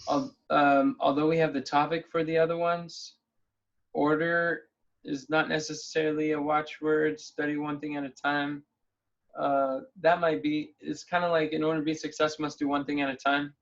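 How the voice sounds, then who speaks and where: A man's voice: a little high, level tone, normal speed. A man leading a casual planning call over a video link, thinking aloud in an upbeat way. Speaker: meeting leader. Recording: dull lo-fi call audio.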